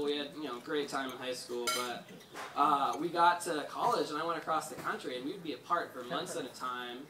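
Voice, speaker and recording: A man's voice: medium pitch, recorded from a distance. A young man in his twenties giving a best man toast at a wedding, telling rambling stories with lots of "like" fillers. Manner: rambling, storytelling with frequent "like" fillers. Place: large hall at a wedding reception. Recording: echoey hall, chattering crowd.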